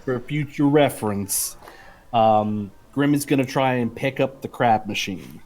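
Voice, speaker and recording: A man playing a tabletop game, narrating his character's actions and lines in a hesitant, deliberate way. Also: medium pitch, animated.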